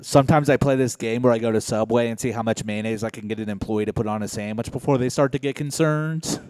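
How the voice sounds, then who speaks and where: A young man from Indiana doing a stand-up set on a comedy club stage, deadpan and low-key with sudden loud outbursts. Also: quick pace, no echo.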